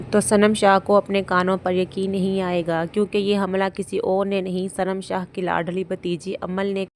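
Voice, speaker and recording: A woman's voice: fairly low pitch, vocal fry, slight background noise. A woman hosting a drama review channel, steadily retelling an episode's plot. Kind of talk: plot recap narration.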